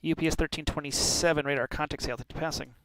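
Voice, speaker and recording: Clear, higher-pitched man as traffic controller. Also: fairly even intonation, racing, a bit bright. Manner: informal asides amid formal instructions. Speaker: air traffic controller in online flight simulation. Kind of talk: clipped air traffic control phraseology.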